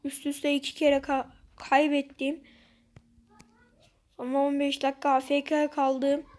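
A woman with a high voice narrates her match as she plays it, chatting to her viewers. She is easily frustrated and excitable throughout. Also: measured pace. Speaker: gaming channel host. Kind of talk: gameplay commentary.

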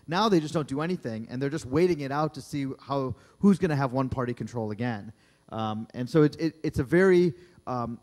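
A man's voice: medium pitch, a little mellow. A man speaking as a documentary filmmaker in a panel discussion on a library auditorium stage, earnest, with frequent restarts and fillers.

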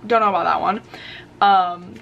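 A woman's voice: lowish voice, steady tone, normal speed, vocal fry, lo-fi sound. A young adult woman chatting casually to camera as a college student vlogger. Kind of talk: casual vlog chat. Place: small bedroom, indoors.

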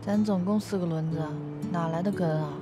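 An actress playing a weary, practical young wife who answers tersely. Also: female voice, on the low side, fairly even intonation, a little fast, lightly acted. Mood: dry. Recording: music bed under the dialogue.

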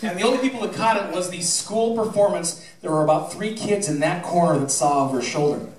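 A middle-aged high school theatre director, his voice sitting high and fairly quick, speaks informally onstage with animated, projecting anecdotes and thank-yous. The audio is a handheld microphone through the PA, captured by a camera out in the audience in a roomy, distant way.

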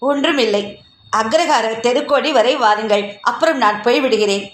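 A woman voicing a proud, spirited young woman who answers back with quick, cutting retorts, in an echoey room. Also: on the high side, close to an everyday voice. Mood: tart.

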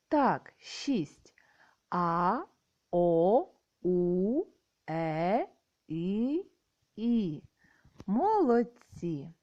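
Slow, lively-pitched teacher woman. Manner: patient and encouraging, drawn-out with lively pitch swings. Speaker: primary school teacher. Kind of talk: slow, sing-song classroom lesson for young children. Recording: dull lo-fi recording.

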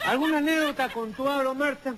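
A man playing a nosy, high-voiced interviewer. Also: a little fast, fairly bright tone, slight background noise. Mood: teasing. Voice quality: prodding, insinuating questions. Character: nosy male TV interviewer, teasing. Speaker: sketch interviewer. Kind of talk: TV sketch comedy. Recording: studio audience behind.

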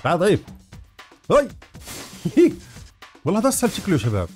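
A man giving excited gameplay commentary, hurried and teasing, repeating phrases. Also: sits high, soft background music. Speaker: gaming YouTuber.

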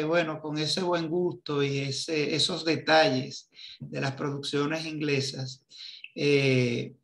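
A man in his fifties leads a film discussion over a webcam. His voice is gravelly and a little high for a man, and he talks very slowly, pausing often to find the next word. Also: a bit bright. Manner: slow, hesitant, searching for words. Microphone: video call webcam.

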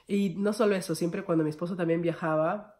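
A woman's voice: on the low side, fairly even intonation, a little fast, a little mellow. A young Peruvian woman with a Peruvian Spanish accent tells a personal story in a storytime vlog, chatting to her viewers as friends. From Peru. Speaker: vlogger.

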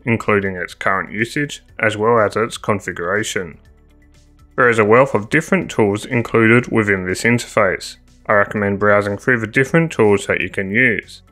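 A man with a low-pitched, bright, forceful voice reads a scripted tech tutorial. He dictates commands piece by piece in a steady, deliberate way. Faint music plays behind him. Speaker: tutorial narrator.

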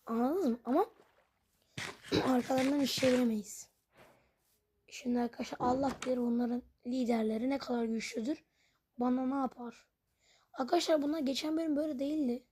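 A woman's voice: sits high, steady tone, brisk, long pauses, dark tone, a little hiss or hum. A woman commenting on her own game as she plays, puzzled and rambling, and she keeps talking to her viewers. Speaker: gaming channel host. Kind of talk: Minecraft let's play commentary.

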